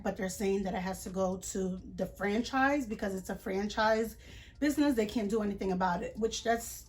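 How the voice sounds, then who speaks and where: A young woman tells a story to her vlog audience in a casual, indignant voice. She talks in quick runs of retold dialogue with plenty of fillers and restarts. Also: mid-range voice. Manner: indignant, chatty retelling with many fillers. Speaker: vlogger.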